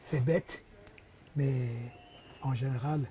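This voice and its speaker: A man hosting a bookshop event, introducing a guest speaker in a halting manner. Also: medium pitch, steady tone, dark tone. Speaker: bookshop host.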